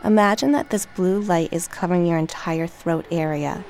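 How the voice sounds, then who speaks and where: Meditation narrator: female, fairly low register with noticeable creak, soothing, unhurried and gentle delivery over background music. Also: slight background noise. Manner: calm, gentle, measured. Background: relaxation track with music, dolphin and water sounds.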